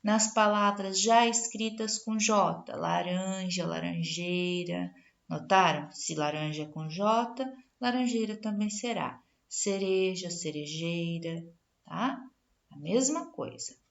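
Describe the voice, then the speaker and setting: A woman's voice: fairly low pitch, slow pace, creaky, highs cut off. A Brazilian woman teacher giving a spelling lesson, reading out word lists and checking in with the class as she goes. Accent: Brazilian Portuguese.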